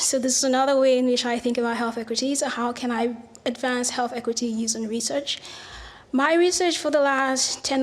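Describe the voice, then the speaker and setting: Woman giving a lecture. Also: a little high. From Cameroon. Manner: earnest, explanatory, with small restarts. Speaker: researcher giving a talk. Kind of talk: academic lecture with slides.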